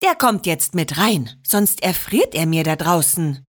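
A woman's voice: deep voice, very animated, a little slow, heavily acted. A woman voicing a caring but firm old grandmother with a touch in a storybook. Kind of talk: storybook reading.

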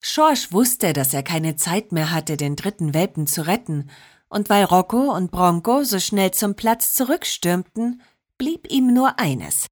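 A woman in scripted narration of a children's story, expressive and playful. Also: lowish voice, measured pace.

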